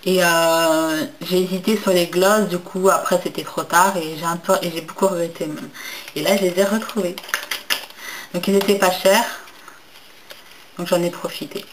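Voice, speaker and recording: A woman's voice: fairly low pitch, fairly even intonation, moderate pace, noisy background. Chatty young woman reviewing makeup. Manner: hesitant, many fillers and restarts; enthusiastic about packaging. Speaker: beauty vlogger. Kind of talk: casual haul review.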